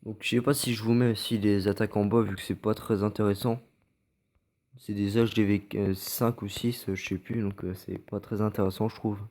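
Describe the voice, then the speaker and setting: A French man with a cold provides casual commentary over recorded game matches, sounding stuffy. His mellow, lowish voice is flat and moves at normal speed, and he comes across as hesitant, full of fillers and restarts.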